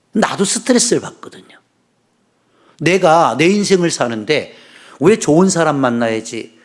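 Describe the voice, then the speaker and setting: A middle-aged man, a pastor, preaching a sermon in church, telling funny stories and acting out quoted dialogue. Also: mid-range voice. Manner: lively storytelling with humor, acting out quoted dialogue. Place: church sanctuary.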